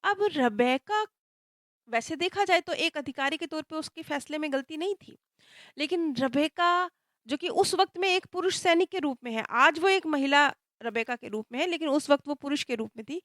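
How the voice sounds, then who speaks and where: A woman narrating a past-life story in a calm, explanatory way, with slow, reflective pauses. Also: high-pitched, no room sound, clean studio sound. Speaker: spiritual storyteller.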